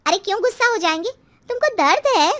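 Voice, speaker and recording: A woman's voice: very high voice, lively intonation, quick pace, fairly bright tone, voice pushed up. A woman voicing a frank, chatty neighbour, a mother, outspoken and full of advice in a moral story. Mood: concerned. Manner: advising, outspoken.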